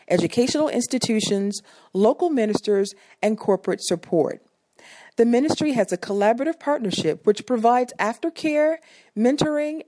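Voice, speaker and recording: A woman reading a scripted voice-over narration for a church video in a measured, formal way. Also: a little high, warm tone, no room sound.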